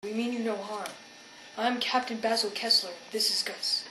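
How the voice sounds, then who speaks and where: A woman's voice: steady tone, normal speed, bright, forceful tone, slight background noise, low-quality recording. A woman playing a blustering male space captain. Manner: grandiose, booming exclamations. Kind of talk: campy radio-serial acting.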